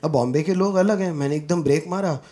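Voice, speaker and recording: A young man from Uttar Pradesh doing an animated stand-up comedy set, switching between Hindi and English and acting out the people in his stories, on a comedy club stage with a handheld mic. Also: on the high side, fast. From Uttar Pradesh, India. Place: comedy club stage before a live audience. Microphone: handheld corded mic. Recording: live club recording with audible crowd noise. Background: audience laughter.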